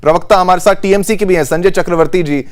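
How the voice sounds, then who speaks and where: A male TV anchor moderating a panel debate in a somewhat high voice. He presses each guest with pointed questions and keeps up quick hums of assent while they answer.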